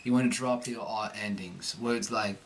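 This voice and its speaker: A man's voice: fairly low pitch, fairly even intonation, moderate pace, gravelly, slight background noise. A man giving a conversational, explanatory pronunciation lesson as a coach. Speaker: accent coach. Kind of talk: instructional lesson with pronunciation demonstrations.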